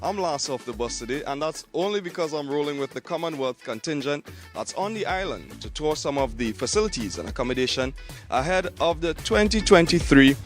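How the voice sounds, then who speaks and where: A man's voice: fairly high pitch, animated, brisk. Brief: man, field reporter, upbeat, light music bed.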